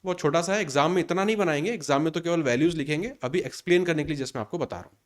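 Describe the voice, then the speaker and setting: Speaking very fast in a voice on the high side, an Indian man in his thirties teaches maths for exam prep in Hindi mixed with English terminology. He breaks the problems down step by step and responds to his own questions.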